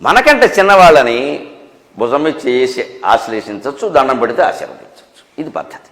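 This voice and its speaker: A man's voice: mid-range voice, lively intonation, normal speed, a bit bright. A man giving a spiritual discourse to an audience, scolding with rhetorical questions and wry humour. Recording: echoey hall with long reverb.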